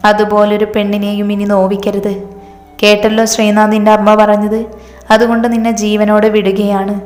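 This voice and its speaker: A woman's voice: mid-range voice, monotone, normal speed, darkish tone, roomy sound, long reverb tail, natural voice. A woman voicing a stern young man who deals out punishment in a cold, commanding way, in a storybook reading.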